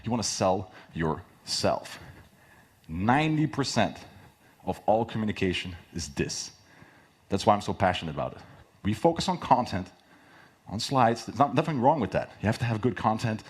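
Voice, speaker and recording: A man's voice: lowish voice, very animated, normal speed, breathy edge. A man giving a live public speaking workshop as a coach, with a projected, emphatic delivery and key phrases repeated for effect. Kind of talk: live workshop presentation with demonstrations.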